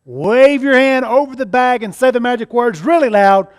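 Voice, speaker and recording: A man's voice: very high voice, lively intonation, normal speed. A man with a Southern US accent doing live kids' magic show patter, showy and jokey like a party magician as he coaches a child. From Mississippi, United States. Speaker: stage magician performing with a child volunteer.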